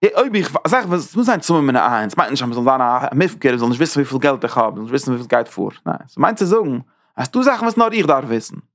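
A man teaching a Torah class in a lively lecture style, talking with sudden leaps in pitch. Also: quick pace.

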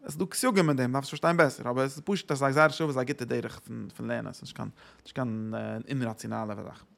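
A man's voice: medium pitch, steady tone, fast talker, vocal fry, a bit bright. A man giving a Torah lecture, asking rhetorical questions and answering them, with English words mixed in.

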